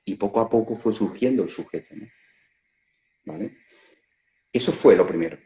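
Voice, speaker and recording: On the low side, this male voice with an accent from Spain belongs to a non-duality facilitator giving a reflective spiritual talk. He's recorded by phone on a live stream, speaking calmly, thinking aloud and laughing at his own examples.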